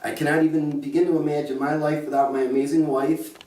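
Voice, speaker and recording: The groom's father, a middle-aged man, officiates a wedding at the venue, chuckling often as he tells joking stories in his speech. He speaks fast in a fairly high, dark-toned voice with little pitch movement, captured in a roomy, distant recording with faint ambience.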